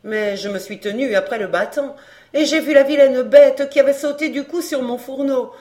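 A flustered old servant woman bursts out her story in a loud, breathless, scolding voice, as a woman reads her. Her voice sits a little high. The storybook feel stays plain and spoken. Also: normal speed, close to an everyday voice. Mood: agitated. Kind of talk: audiobook character reading.

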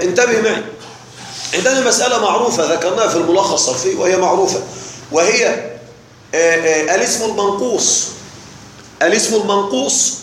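A man teaching an Arabic grammar lesson, slowly repeating rules and often checking that his students follow along. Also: high-pitched, a bit bright. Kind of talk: classroom lesson explaining morphology. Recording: very echoey room with faint noise.

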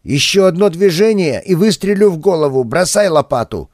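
A man reading an audiobook, voicing a gruff old gardener who barks orders loudly. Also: mid-range voice, sing-song, a little slow, dry recording, clean studio sound. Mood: commanding.

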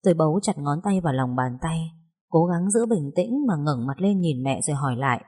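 A woman narrating a first-person story audiobook with a steady, expressive reading. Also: deep voice, fairly quick, breathy edge.

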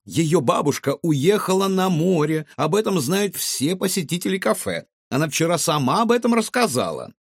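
A man voicing a scheming middle-aged woman, a fortune-teller villain, who talks slowly in a drawling, mock-sweet way. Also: a little high, lively intonation, gravelly, slightly rough, no echo, studio quality, voice pushed up, full character voice. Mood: sugary.

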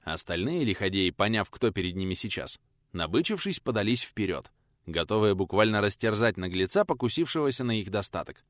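A male narrator reads an audiobook with an expressive storytelling manner. His pitch moves in a lively, animated way. The recording is close and dry. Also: brisk, no echo.

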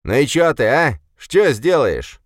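A man's voice: mid-range voice, big pitch swings, measured pace, dry recording, clean studio sound, pitched above the performer's own voice. A man voicing a drunken, brutish young aristocrat who bellows and sneers, slurring his words. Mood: drunken taunting.

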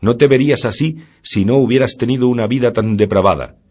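A man's voice: medium pitch, a little fast, darkish tone, pitched above the performer's own voice, lightly acted. A man reading aloud, voicing a stern, pious noblewoman who scolds her husband in a preachy way. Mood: scolding.

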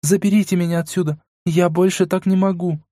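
A frightened young woman begs in a tremulous, whimpering voice, as a male reader puts her on. Her voice sits higher than the reader's own, and the sound is dry and close, like a studio audiobook. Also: little pitch movement, brisk, mellow, no echo, close to an everyday voice. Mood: pleading tearful. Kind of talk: audiobook character voice.

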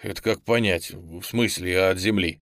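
A sullen teenage schoolboy, as a male narrator puts him on, mumbling glumly in a low voice. The audiobook sound is dry and close. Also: normal speed, a bit bright, no room sound. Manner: glum, mumbling.

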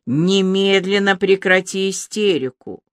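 A man's voice: sits high, unhurried, a bit bright, no room sound, studio quality. A reader voicing an angry, commanding man who speaks harshly and cuttingly. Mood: cold.

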